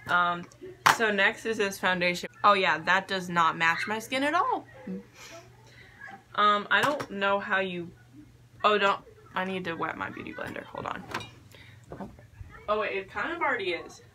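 Bright-voiced young woman, unsure and chatty. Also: medium pitch, animated. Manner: unsure, self-deprecating, halting. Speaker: vlogger. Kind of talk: casual makeup vlog chat. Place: attic bedroom, indoors. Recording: faint background noise, room ambience.

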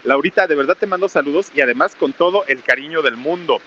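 Loud bright-voiced man on a live stream. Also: on the high side, fast, muffled recording, slight background noise. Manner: talks loudly over rain under a small roof. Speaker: host reading viewer greetings on a live stream. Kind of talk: casual live-stream chat. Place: outdoors under a small roof in heavy rain near ruins. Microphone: camera mic with crew nearby.

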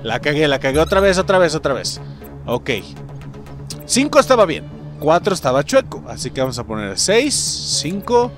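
A young man with a Mexican Spanish accent giving excitable, profanity-filled commentary while he plays a game, often breaking into sudden yelps and shouts. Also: fairly high pitch, moderate pace, faint music behind. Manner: excitable, swears a lot, jumps to yelps and shouts. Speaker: gaming channel host. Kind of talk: casual gameplay commentary.

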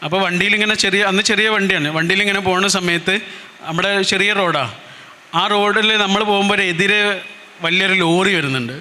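Male motivational speaker, high bright voice, earnest storytelling, long reverb. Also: fast talker. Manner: earnest, emotive storytelling with repetitions.

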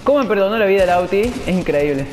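A man's voice: high-pitched, animated, fast talker, long reverb tail. A young man, playing online and reacting with frustrated exclamations. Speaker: gamer. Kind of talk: casual gaming chat.

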